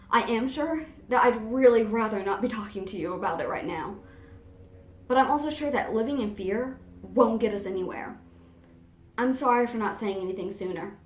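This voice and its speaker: An anxious young woman played by a woman reader confides in a dramatic first-person monologue, conversational yet theatrical. Her voice sits a little high, and the room around it echoes clearly. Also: moderate pace, natural voice. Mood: earnest, pleading. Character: anxious young woman with memory gaps, confessing urgently.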